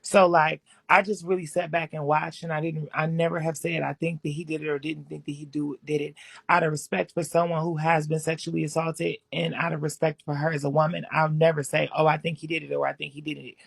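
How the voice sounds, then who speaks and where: A young woman co-hosts a casual livestream and gives her opinion. Her voice is gravelly and husky. She talks in a reflective, measured way, and the sound is dry and close. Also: low voice, little pitch movement, dry recording. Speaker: livestream co-host. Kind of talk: casual chat.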